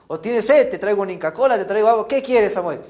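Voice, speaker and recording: A man playing the boy Samuel, eager and excited to help. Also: high-pitched, a little hiss or hum. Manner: excited, eager, rapid offers.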